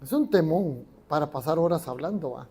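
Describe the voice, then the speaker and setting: A man's voice: a little high, lively intonation, moderate pace, warm tone, husky. A Mexican man preaching a sermon as pastor in a church, often asking the congregation questions. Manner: conversational, asks the congregation questions.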